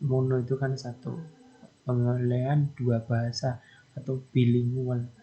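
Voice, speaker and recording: A man's voice: mid-range voice, completely flat delivery, highs cut off. A man giving a recorded lecture to teacher trainees, who explains step by step and keeps saying "nah" between points. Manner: explains slowly, often says "nah", imitates baby babble.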